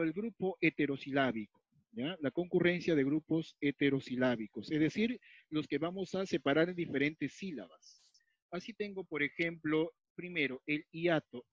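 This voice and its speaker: A man's voice: a little high, no room sound. A man from Peru teaching a grammar lesson, explaining step by step, repeating key points and often asking if the class follows. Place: at a whiteboard or tablet, writing as he talks. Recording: dull lo-fi dry recording.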